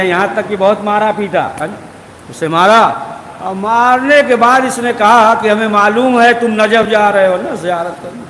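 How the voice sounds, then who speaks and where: A man with a high voice preaches at a religious gathering, spinning a story and leaning on habitual filler phrases and tags. His voice rings through a big reverberant hall, with a faint murmur of noise beneath. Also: fairly bright tone. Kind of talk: Urdu sermon storytelling.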